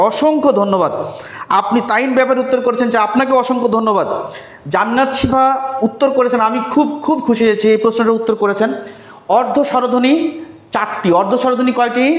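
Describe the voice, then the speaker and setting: A man's voice: very high-pitched, echoey room. A man teaching a live online grammar class, repeating key points and quizzing his listeners as he goes.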